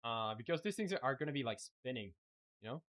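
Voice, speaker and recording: His voice sits at medium pitch and moves fairly quickly. He's a young Spanish-speaking man from Chile, thinking aloud in a casual way as he builds his game live on stream, relaxed and full of fillers.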